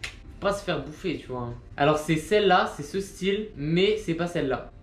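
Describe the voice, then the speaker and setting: A man's voice: fairly high pitch, lively intonation, normal speed. Chatty young man in an echoey room. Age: 20s. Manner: rambling, chatty, self-mocking asides. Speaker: sneaker vlogger. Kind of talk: casual vlog chat. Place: indoor room with a machine running. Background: machine noise and soft music.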